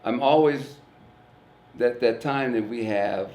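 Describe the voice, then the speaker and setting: Speaking slowly at a medium pitch, his voice slightly mellow, the East St. Louis, Illinois comedian is a guest in a relaxed, reflective chat. He sounds earnest and plain-spoken, swears casually, and repeats words while working through his thoughts, all captured with a roomy echo.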